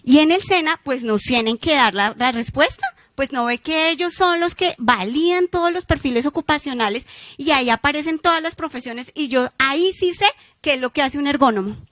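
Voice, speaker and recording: A woman's voice: high voice, fairly quick. A woman giving a conference talk, telling a story and acting out the dialogues. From Colombia. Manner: animated storyteller, acts out dialogues. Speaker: conference speaker.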